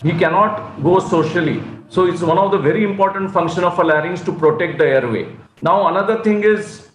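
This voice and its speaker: A man's voice: on the high side, roomy sound, low-quality recording. A man with an Indian English accent giving an online medical lecture, explaining as he goes with many fillers and restarts. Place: at home or in an office on a video call.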